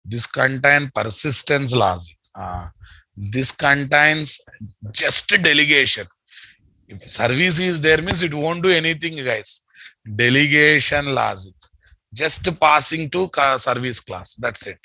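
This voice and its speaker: A man's voice: medium pitch, lively intonation, takes it slowly, pushed and bright, no room sound, low-quality recording. A man with a Telugu Indian accent teaching a live technical class, bluntly questioning his students and repeating key phrases. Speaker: programming instructor.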